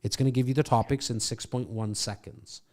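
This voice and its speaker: A middle-aged man speaks a little fast in a steady, mid-range voice while hosting his podcast from a home studio. As a real estate coach, he's casually mentoring a guest, firing him up with brash, swear-filled encouragement.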